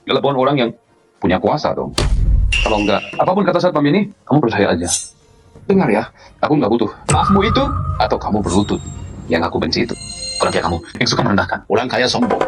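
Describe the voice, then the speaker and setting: A man dubbing a calm young man who hides his power and answers insults coldly, in a drama. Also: mid-range voice, fairly quick, pauses often, music in the background, close to an everyday voice. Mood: cutting. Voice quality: cool, cutting. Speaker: company general manager. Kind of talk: dubbed drama dialogue.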